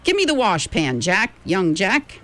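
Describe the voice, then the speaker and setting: A woman's voice: medium pitch, big pitch swings, unhurried, a bit bright. A woman reading an audiobook, voicing a talkative, eccentric male gold miner with a drawling frontier dialect. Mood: delighted. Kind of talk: audiobook character voice.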